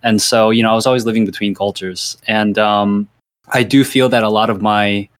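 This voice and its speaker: A university lecturer from Virginia, whose first language is Thai, gives rambling, casual interview answers packed with fillers and restarts. His voice is lowish and steady at a normal speed, recorded with no room sound.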